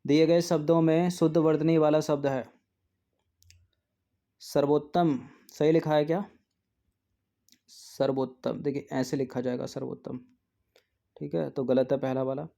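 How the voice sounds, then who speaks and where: A man gives a spelling lesson for exam preparation. He sounds mellow and a little high, and he repeats each word slowly as he checks the options. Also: level tone, creaky. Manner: goes through answer options aloud, repeating words slowly. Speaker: exam coaching teacher.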